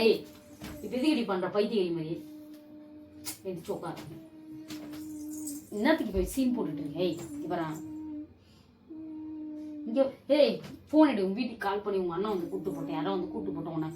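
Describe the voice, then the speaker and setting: In a couple prank video, a medium-pitched young woman, sleepy at home late at night, keeps berating her partner, pressing the same demands in a heated, looping argument. She sounds worn out and irritated. Recorded from a distance in an echoing room, her voice is off-mic with a faint hiss.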